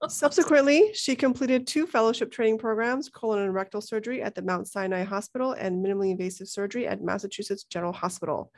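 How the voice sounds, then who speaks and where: A woman's voice: mid-range voice, quick pace, few pauses. A woman co-hosting a podcast, introducing a guest in a partly read, biographical style.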